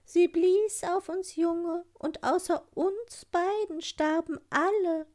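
A woman voicing a pair of caged wood pigeons in a storybook, with a slow, sing-song cooing delivery and a much higher, altered voice. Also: fairly even intonation, darkish tone. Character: cooing wood pigeons, small birds in a cage.

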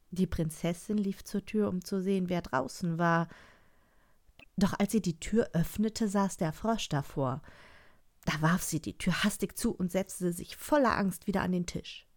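A woman narrating a fairy tale in a very slow, deliberate delivery. Her voice sits low and carries a gravelly fry. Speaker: storyteller. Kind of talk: fairy tale read aloud.

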